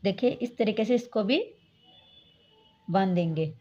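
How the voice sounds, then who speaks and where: A woman hosting a step-by-step knitting tutorial, calmly explaining each stitch and often addressing her viewers as friends. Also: medium pitch, unhurried, highs cut off. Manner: patient, repeats "look, friends" while demonstrating. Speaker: craft tutorial host.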